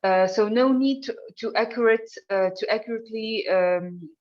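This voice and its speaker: A woman from Tunisia, a guest on a tech panel, speaking hesitantly with many pauses and fillers. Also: on the high side, lo-fi sound. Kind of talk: panel discussion.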